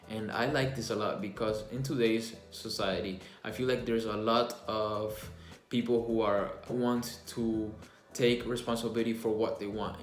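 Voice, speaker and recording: A young man gives a casual, earnest book review, restarting phrases now and then as he reflects. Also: mid-range voice. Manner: earnest, plainspoken, with frequent restarts and self-reflection. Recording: echoey room with faint music underneath.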